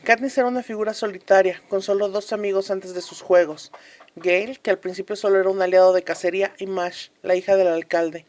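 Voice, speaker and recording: A woman plays an earnest, reflective commentator from a fictional republic in a radio drama, speaking solemnly and emphatically in a scripted interview style. Her mid-range voice is a little mellow and a little fast, with fairly even intonation, and sounds close to an everyday voice.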